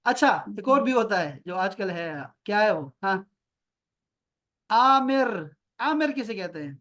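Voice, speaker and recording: A man's voice: sits high, lively intonation, bright, forceful tone. Patient man teaching over a video call. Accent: Pakistani Urdu. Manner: patient, repeats terms slowly, quizzes students by name. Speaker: Arabic teacher. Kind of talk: online class lesson. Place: home near an airport.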